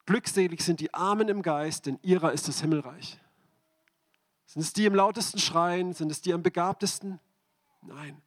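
A man's voice: high-pitched, normal speed. A man preaching a sermon, speaking directly to the congregation and asking them repeated questions.

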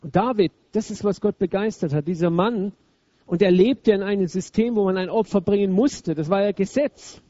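High-voiced emphatic male preacher, dull recording. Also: moderate pace, warm tone, dry recording. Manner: emphatic, blunt and colloquial, acts out quotes. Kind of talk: sermon.

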